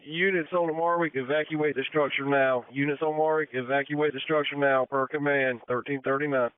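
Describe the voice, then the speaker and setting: A man's voice: a little high, fairly even intonation, moderate pace, clean tone. A male fire dispatcher making formal, repeated announcements over a two-way radio. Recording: thin narrow-band radio transmission.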